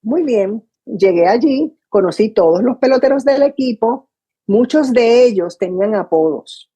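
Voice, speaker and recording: Speaking with a Puerto Rican Spanish accent, an older woman from Puerto Rico recalls her years as a radio announcer in a storytelling interview over a video call from home. Her husky voice is a little high and her pace measured, yet she tells her stories with lively animation, acting out old exchanges.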